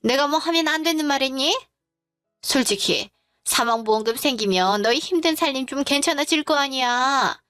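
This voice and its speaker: A sneering, blunt mother-in-law in a dramatized story, as a woman puts her on. The voice sits a little high and sounds close and dry, with faint music underneath. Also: lively intonation, moderate pace, fairly bright tone, dry recording. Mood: scornful. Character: rude scornful middle-aged mother-in-law.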